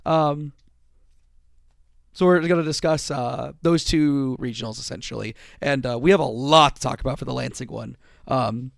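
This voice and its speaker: A podcast host speaks in a sore, creaky voice worn out from days of strain, pitched a little high for a man. He rambles, swears casually, and often restarts sentences. The recording is close and dry with no room sound.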